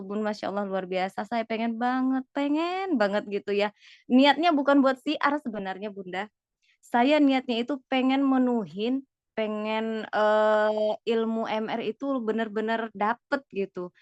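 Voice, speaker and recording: A woman recounts her story earnestly, pausing on fillers and breaking off to restart. Her voice sits at a middling pitch. The sound is dry and a little dull, as from a modest recording. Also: dry recording. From Medan, North Sumatra, Indonesia. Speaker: guest, certified trainer. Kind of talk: personal testimony in casual chat.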